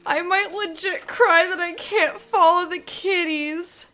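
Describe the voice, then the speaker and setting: High-voiced, slow-paced woman streaming a game. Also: fairly even intonation, bright, forceful tone. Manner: gushing, sentimental, baby-talks to the game. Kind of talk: casual live gameplay commentary.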